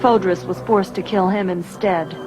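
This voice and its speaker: An actress playing a composed, commanding rebel princess who leads a mission. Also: female voice, mid-range voice, fairly even intonation, normal speed, natural voice. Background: music.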